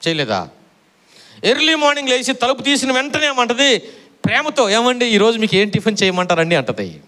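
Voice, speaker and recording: Animated high-voiced male preacher. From Andhra Pradesh, India. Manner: animated, repeats phrases, quizzes the congregation for answers. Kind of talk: sermon.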